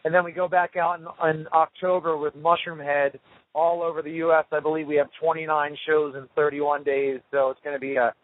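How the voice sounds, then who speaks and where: A man's voice: fairly high pitch, a little fast. Man rambling over a tinny phone line. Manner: relaxed, rambling, many fillers. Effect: heard over a phone line. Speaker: touring rock band member interviewed as guest. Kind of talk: casual phone interview. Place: tour RV on the road.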